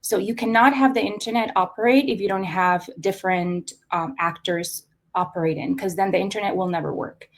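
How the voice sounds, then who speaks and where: A young adult woman from Costa Rica, an artist guest in an interview, speaking thoughtfully with many pauses and fillers. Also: medium pitch, steady tone. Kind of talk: conversational interview.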